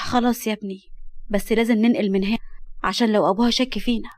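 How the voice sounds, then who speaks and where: A woman's voice: mid-range voice, fairly even intonation, quick pace, dry recording, clean studio sound, close to an everyday voice. A woman voicing a worried, pious older mother who pleads wearily, with an Egyptian accent. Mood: weary. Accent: Egyptian Arabic. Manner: pleading, weary.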